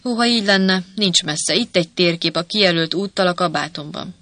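A reader voicing a sick man in a high fever in an audiobook, speaking in a pleading, fearful way. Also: sharp tone, no room sound, close to an everyday voice. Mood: feverish. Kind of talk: audiobook character voice.

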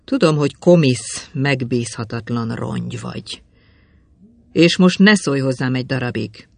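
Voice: medium pitch, expressive, no room sound, close to an everyday voice. A storyteller voicing a cold, curt, contemptuous young man.

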